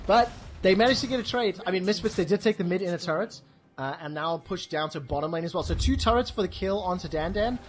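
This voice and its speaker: A man calling a live esports match play-by-play, brisk and rising sharply when the fights break out. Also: sits high, lively intonation.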